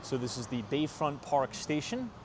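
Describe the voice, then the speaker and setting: A man's voice: medium pitch, big pitch swings, normal speed. A man hosting a walking tour vlog, chatting casually to his viewers as he goes. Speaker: tour vlogger. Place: outdoors in a city and on a train platform. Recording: city and train noise behind.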